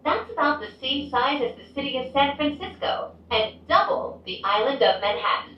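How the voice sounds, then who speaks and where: A woman giving a polished, upbeat recorded announcement that plays over a cabin loudspeaker. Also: high voice, expressive, moderate pace, distant mic, slight background noise. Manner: polished, upbeat tour-guide delivery. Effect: played over a loudspeaker. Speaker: transit announcer. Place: gondola cabin. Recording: dull loudspeaker playback, echoey cabin, off-mic.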